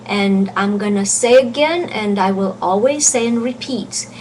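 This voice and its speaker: A woman teaching an online pronunciation lesson, earnest, often restarting her sentences and slowing down to show vowel sounds. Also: mid-range voice, a little mellow, slight background noise, low-quality recording. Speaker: French teacher.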